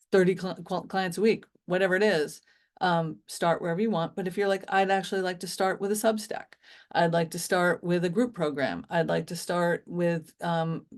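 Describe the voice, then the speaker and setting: A woman giving an enthusiastic, chatty business talk over a video call, with lots of fillers and restarts. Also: on the low side. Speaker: business coach for bodywork practitioners.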